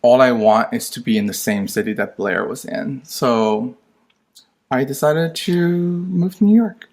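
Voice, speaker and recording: A man's voice: medium pitch, a little slow, darkish tone. A man in his thirties from China, a designer guest chatting in a sassy, flamboyant way in his living room. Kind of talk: casual interview chat. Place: colorful living room at home.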